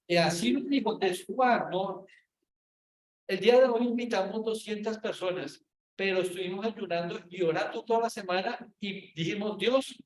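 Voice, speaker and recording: Teaching pastor, male, fairly high voice, earnest storyteller, heard from across a very reverberant room. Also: darkish tone. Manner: earnest storytelling, acting out dialogue. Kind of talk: personal testimony in a teaching talk. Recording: very echoey room, mic far off.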